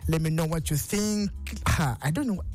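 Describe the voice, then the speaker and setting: A man's voice: a little high, normal speed, darkish tone. A man hosting a radio talk show in the studio, often repeating and restarting words. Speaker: radio host. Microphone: studio mic.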